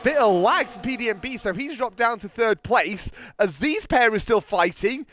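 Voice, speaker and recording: A man giving excitable, chatty live commentary on a sim race. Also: very high-pitched, moderate pace, no echo. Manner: excitable, exclaims at contact, chatty.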